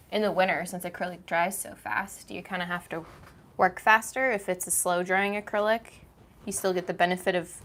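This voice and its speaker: Low-voiced young woman, casual studio chat. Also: pushed and bright. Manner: chatty, reads viewer comments aloud, laughs easily. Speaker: co-host, daughter. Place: home art studio.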